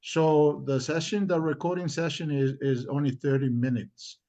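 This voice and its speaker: A man with a Tongan accent speaking informally on a community live discussion in a halting, deliberate, repetitive way. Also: on the high side, fairly even intonation, warm tone. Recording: dull lo-fi stream audio.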